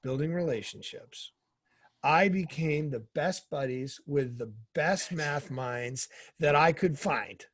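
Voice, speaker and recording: A middle-aged man speaking as an interview guest, with a slightly raised pitch for a man. He tells his stories with energy and acts out the people in them. The recording is dry and close, with almost no room sound. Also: slow, husky, dry recording. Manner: energetic storyteller who acts out quoted dialogue. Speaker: guest, former Navy SEAL and author. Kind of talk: casual interview storytelling.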